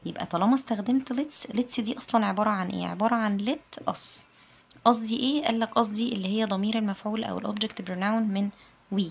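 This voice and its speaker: A woman with an Egyptian Arabic accent teaching an English grammar lesson, patiently repeating her English example sentences slowly. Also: mid-range voice, vocal fry, husky.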